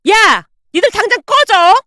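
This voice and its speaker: A fierce middle-aged mother, voiced by a woman storyteller, scolds with a raised, high-pitched voice that swings widely. She sounds sharp-tongued and relentless. The sound is dry and close. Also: sing-song, moderate pace, no echo. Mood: furious. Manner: scolding, shouting.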